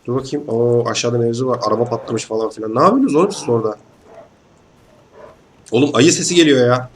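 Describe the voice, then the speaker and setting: Hoarse young man narrating gameplay. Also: mid-range voice, quick pace, a little hiss or hum. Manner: chatty, excitable, slangy, bursts into shouts. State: hoarse from illness. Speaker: gaming channel host. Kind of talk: casual let's-play commentary.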